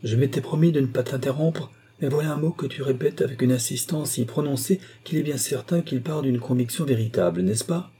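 A man's voice: mid-range voice, fairly quick, few pauses, mellow, slightly rough, pitched above the performer's own voice, natural voice. A man voicing a proud, principled young man who answers his mother firmly and earnestly. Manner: earnest, firm.

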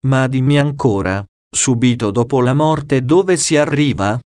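A pious noblewoman questioning a ghost, as a man reading a diary aloud puts her on. She asks earnest, persistent questions at a very slow, measured pace, in a dry, close sound. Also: medium pitch, darkish tone, dry recording, close to an everyday voice.

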